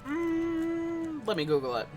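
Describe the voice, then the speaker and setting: A man's voice: very high-pitched, wildly swooping pitch, slow, music in the background. A man chatting casually with fellow players on a live stream, thinking aloud in a distracted way as he searches online. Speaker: tabletop game player.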